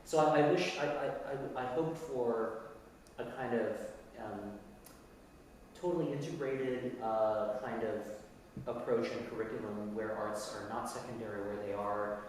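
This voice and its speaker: A man's voice: lowish voice, fairly even intonation, measured pace. Reflective man in an echoey room. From San Francisco, USA. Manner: reflective, searching for words with frequent restarts. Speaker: musician, interview guest. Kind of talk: casual conversational interview. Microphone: video call. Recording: echoey room, far from mic, faint hiss.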